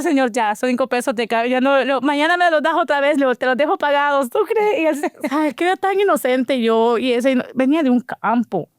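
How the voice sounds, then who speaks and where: A woman's voice: high voice, clean tone, no echo, studio quality. A middle-aged woman, a guest animatedly telling her personal life story and acting out the dialogue. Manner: animated storyteller who acts out quoted dialogue. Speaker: interview guest.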